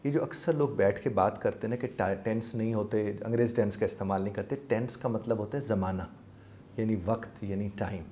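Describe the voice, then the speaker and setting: A man's voice: on the low side, warm tone. A man, a life coach and trainer, patiently explaining with polite forms of address to his listeners.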